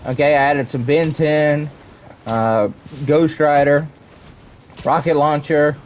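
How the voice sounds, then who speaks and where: A young man streaming, chatting casually and rambling excitedly to his viewers, prone to ranting. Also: fairly high pitch, a little hiss or hum. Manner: rambling, excitable, quick to rant.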